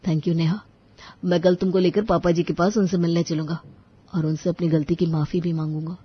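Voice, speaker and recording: A woman voicing a hot-tempered young married man who is protective of his father and quick to raise his voice. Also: lowish voice, flat delivery, slightly rough, muffled recording. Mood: remorseful. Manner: indignant, raises voice.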